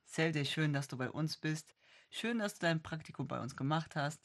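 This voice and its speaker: Low-voiced woman in her forties hosting. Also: lively intonation, normal speed. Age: 40s. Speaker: radio host. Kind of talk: radio interview.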